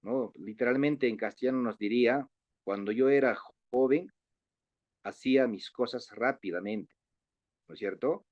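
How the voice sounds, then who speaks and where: A man teaching an online class at an unhurried, deliberate pace, with a patient manner and frequent hesitations. He sounds dry and close, with no room around him. The sound is dull and lo-fi, like a computer mic on a video call. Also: mid-range voice, darkish tone, no echo. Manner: patient, spells out syllables slowly, many fillers.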